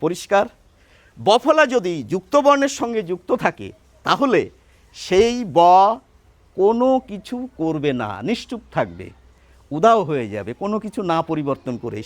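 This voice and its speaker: A man's voice: sits high, very animated, normal speed, no room sound. A man teaching a pronunciation lesson, patiently explaining and asking his listeners questions, then answering them himself.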